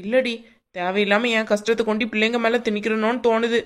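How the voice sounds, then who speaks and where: Woman as a worried older cartoon mom, southern Tamil Nadu accent, self-blaming, quick delivery. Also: on the high side, little pitch movement, lightly acted. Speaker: voice actor. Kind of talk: cartoon voice acting.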